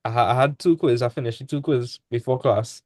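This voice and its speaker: A man's voice: medium pitch, a little fast, darkish tone, no room sound. A young man, tutoring maths in a casual online class. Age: young adult. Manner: casual, laid-back teaching with dialect speech. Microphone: video call.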